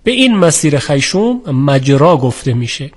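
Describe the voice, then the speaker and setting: Measured man teaching phonetics, slightly high voice. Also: sing-song. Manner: measured, formal, with polite set phrases. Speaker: Quran recitation teacher. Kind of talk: explanatory lecture on pronunciation.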